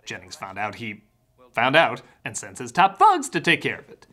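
A man's voice: medium pitch, huge pitch swings, normal speed, pushed and bright. A man giving a sarcastic comedic film review, jumping into exaggerated mock voices.

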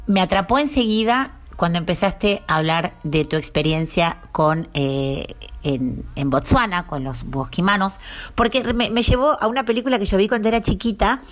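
A woman's voice: on the low side, normal speed. A woman, interviewing a guest with curious, long-winded questions.

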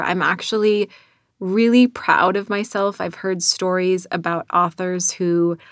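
A middle-aged American woman with a North Dakota accent talks reflectively about her own work. Her delivery is unhurried and earnest, in a medium-pitched voice. The sound is dry and close, as in an author interview. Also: no echo. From North Dakota, United States. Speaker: author and narrator of own audiobook.

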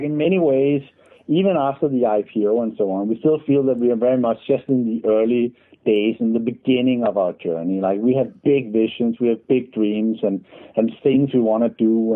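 Danish-accented man, forties, phone-line sound, middle pitch, repeats "and", casual interview guest. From Denmark. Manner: many repeated "and"s, restarts. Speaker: guest, company founder.

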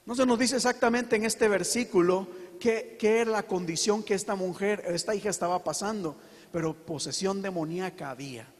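Man, pastor, emphatic sermon, dramatic pauses, high-pitched, long reverb. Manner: earnest, emphatic preaching with slow dramatic pauses.

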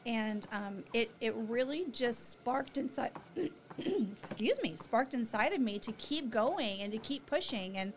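A woman with a fairly high voice talks casually with a friend. She is chatty and giggly. There is faint noise around her voice. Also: expressive, a little slow. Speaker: co-host of a chat.

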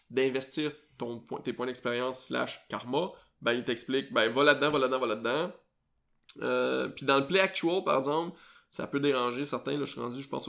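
A man with a Quebec French accent hosts a casual podcast chat, wandering through his explanations with frequent fillers and restarts. His voice has a gravelly, creaky edge. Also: mid-range voice, fairly bright tone. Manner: rambling, lots of fillers and self-corrections. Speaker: podcast host.

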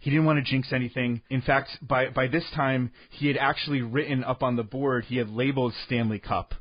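A man tells an outlandish sports yarn with a straight face, often tripping over and restarting his sentences. His voice sits at an ordinary middle pitch. The recording is dry and slightly dull, with no room sound. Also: brisk, no echo. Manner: deadpan tall tales with rambling restarts. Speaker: comedic storyteller. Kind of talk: comic sports storytelling.

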